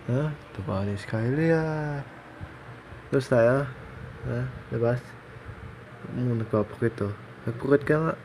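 Gravelly guy baby-talking his dog, coaxing and playful, bit of hiss in the background. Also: mid-range voice, a little slow, a little mellow, rough recording. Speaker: vlogger with his pet dog. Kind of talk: casual talk to a pet.

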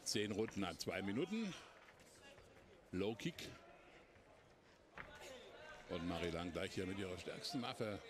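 A man commentates a live fight in a low voice. Clear arena noise runs behind his commentary. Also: expressive, a little slow, long pauses. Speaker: sports commentator.

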